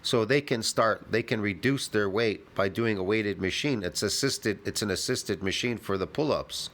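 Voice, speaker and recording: A man's voice: lowish voice, moderate pace, fairly bright tone. A man giving blunt, casual commentary as he reacts to a clip, brash and argumentative, swearing freely.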